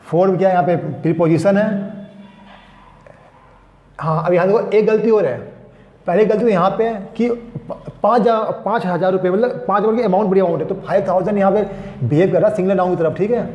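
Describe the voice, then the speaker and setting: A man's voice: sits high, a little fast. A male grammar teacher, explaining step by step to students in a classroom lecture. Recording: echoey dull room sound.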